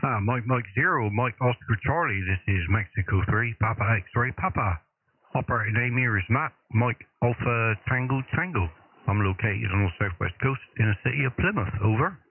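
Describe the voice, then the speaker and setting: A man working as a radio operator over a crackly two-way radio, courteous and relaxed, giving call signs. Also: mid-range voice, normal speed. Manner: relaxed and courteous, saying sir often. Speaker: amateur radio operator on a live stream. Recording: crackly narrow-band radio with static noise.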